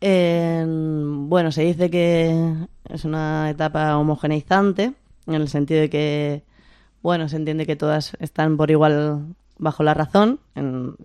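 A speaker of unclear sex with a Spain accent and a slight lisp, explaining informally and haltingly, often checking with short tag questions. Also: mid-range voice, a little mellow, clean tone, no room sound, clean studio sound. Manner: lisping, pronouncing s as th. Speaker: discussion leader.

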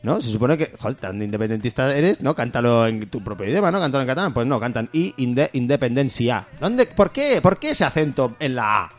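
A man's voice: medium pitch, sing-song, fast talker, few pauses, soft background music. A man chatting casually and jokingly on a podcast, rambling through a comic argument. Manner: rambling, jokey, breaks into laughter. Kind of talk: casual comedic chat.

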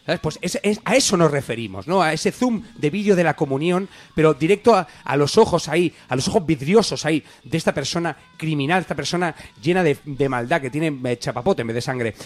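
Comic radio host, man, pitched a touch high, rambling ironic mock-outrage. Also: expressive, brisk, few pauses. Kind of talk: comedic mock-serious radio banter.

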